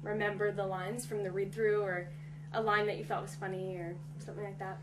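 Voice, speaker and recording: A woman's voice: medium pitch, little pitch movement, fairly quick, background noise. A young woman, an actress, chatting casually in an interview, talking in a chatty, giggly way full of "like.". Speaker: actress on a teen drama. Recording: distant mic.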